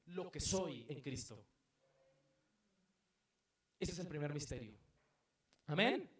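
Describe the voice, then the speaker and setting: A Colombian man preaching a sermon as pastor, emphatic, asking rhetorical questions and swinging between loud and soft. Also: on the high side, animated, slow. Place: church hall. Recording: very echoey room, mic at a distance.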